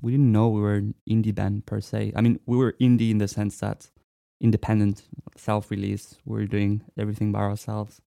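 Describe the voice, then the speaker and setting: A man in his twenties from France, a musician talking casually in an interview, relaxed and hesitant with many fillers. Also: on the low side, brisk, gravelly, no room sound, clean studio sound. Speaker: musician guest.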